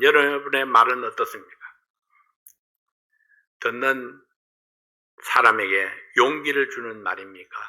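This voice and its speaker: A male pastor preaching a sermon, asking the congregation rhetorical questions and swinging between loud emphasis and quiet asides. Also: mid-range voice.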